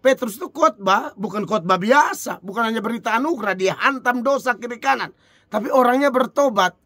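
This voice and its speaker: A man's voice: very high-pitched, animated, brisk, bright, forceful tone, no room sound, studio quality. A man preaching an informal sermon, asking rhetorical questions and chuckling as he goes.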